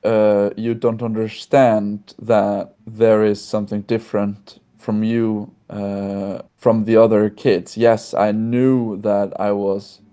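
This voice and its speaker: Young Icelandic man, low mellow voice. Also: little pitch movement, takes it slowly, few pauses, clear, resonant tone. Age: 20s. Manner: friendly, open, with frequent restarts. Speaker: podcast guest. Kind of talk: casual conversational interview. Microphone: video call.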